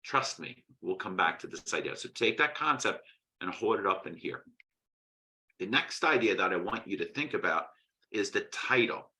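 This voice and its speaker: Male literature teacher, lowish bright voice, casual lecture, keeps checking in with listeners. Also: animated, normal speed, rough recording. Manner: conversational, frequent "right?" check-ins and restarts. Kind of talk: recorded poetry lecture.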